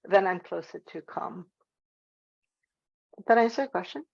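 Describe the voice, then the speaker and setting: A woman's voice: mid-range voice, animated, moderate pace, gravelly, husky. Woman presenting over dull video call audio. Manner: casual and informal, many "like" fillers. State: nervous about public speaking. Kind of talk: online workshop talk.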